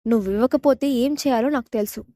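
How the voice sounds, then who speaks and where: A woman's voice: a little high, fast talker, mellow, no echo, clean studio sound, lightly acted. A woman reading the part of a stubborn, defiant young woman in a romance audio story, speaking with threats and demands. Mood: demanding.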